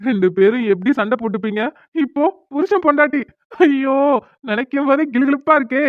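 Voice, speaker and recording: A woman's voice: sits high, fairly quick, dry recording, lightly acted. Mocking young best friend in a cartoon, woman voicing, tinny dry audio. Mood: gleeful teasing. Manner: mocking, amused, excitable. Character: teasing young male best friend, gleeful.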